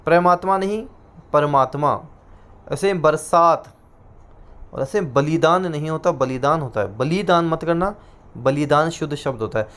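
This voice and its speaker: A man with a Rajasthani Hindi accent teaches an exam-prep class in a fairly high, animated and somewhat bright voice. He repeats each answer and slows down to dictate the terms.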